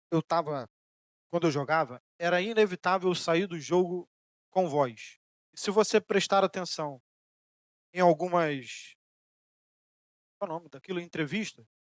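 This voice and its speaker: A Brazilian man preaching a sermon as pastor, rising in emphatic bursts and then dropping soft, sometimes voicing the questions of his listeners. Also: high voice, dry recording, clean studio sound. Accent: Brazilian Portuguese. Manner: preaching with emphatic rises and sudden soft drops; voices imagined questions from listeners.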